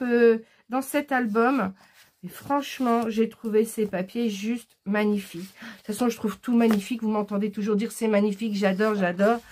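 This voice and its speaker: This is a casual haul video where a woman presents scrapbooking purchases, her enthusiasm mixed with hesitation and many "euh" pauses. Her voice is a little high.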